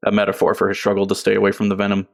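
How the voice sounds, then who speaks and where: A man's voice: lowish voice, monotone, racing, gravelly. A man co-hosting a casual gaming podcast, talking loosely and laughing often. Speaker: podcast co-host.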